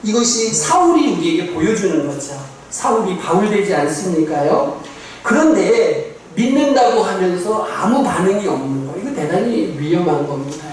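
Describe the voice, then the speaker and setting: A man's voice: high voice, a little mellow. A man preaching a Sunday sermon as pastor, talking conversationally with rhetorical questions and asides to the congregation. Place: church sanctuary. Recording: echoey, distant church recording.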